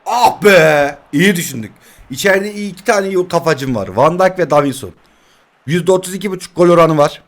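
Excitable young man yelling game commentary. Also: on the high side, a little fast. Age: 20s. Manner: excitable, shouts at players, swings between yelling and muttering. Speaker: mobile football gamer. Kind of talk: live gameplay commentary.

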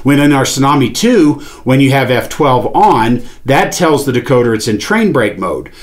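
This instructional product demonstration comes from a man in his forties, explaining things one step at a time. His medium-pitched delivery has a sing-song quality at a moderate pace, recorded at a table in a small studio lined with padded panels.

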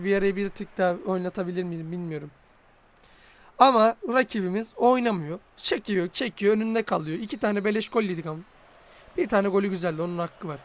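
High-voiced guy yelling at his football game, kinda muffled mic. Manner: excitable, swears, shouts at goals. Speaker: gaming streamer. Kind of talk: live football game commentary.

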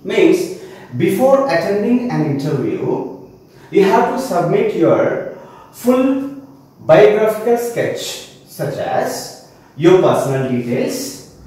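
Echoey high-voiced Indian English teacher. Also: male voice, sing-song, slow, warm tone. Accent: Telangana Indian English. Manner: repeats definitions, asks and answers own questions. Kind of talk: online class lecture. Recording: very echoey room, mic far off.

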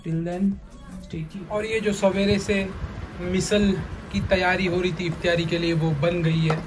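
High-voiced chatty male vlogger. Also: little pitch movement, a little slow, music in the background. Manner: chatty and joking, addresses viewers directly. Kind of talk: casual vlog chat.

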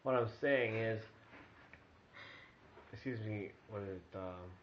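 A man's voice: fairly low pitch, slow pace. A man in his twenties, drunk and half asleep, rambling in slurred, drowsy sleep talk while lying in a small room. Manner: drunken sleep talking, rambling with eyes closed. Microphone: handheld camera close by. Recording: muffled home camcorder audio, hissy, clicks.

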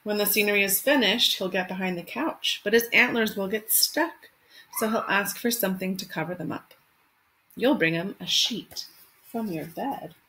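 This elementary school teacher, a woman in her thirties, has a medium-pitched, sharp-toned voice and a moderate pace as she talks to children simply and expressively, like reading a picture book. Her home webcam recording from a small room is rough, with faint noise.

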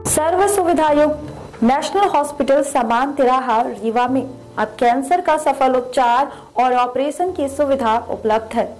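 A woman narrates a scripted advertisement. Her voice is high, with faint music underneath. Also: unhurried, a little mellow, poor audio. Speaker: advertisement voice-over.

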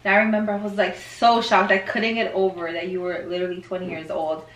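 A woman's voice: on the low side, flat delivery, fast. A woman in her late twenties co-hosting a podcast, chatting casually and rambling with friends around a table mic in a living room. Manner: chatty, rambling, laughs often. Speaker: podcast co-host. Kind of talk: casual chat among friends. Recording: roomy living room sound.

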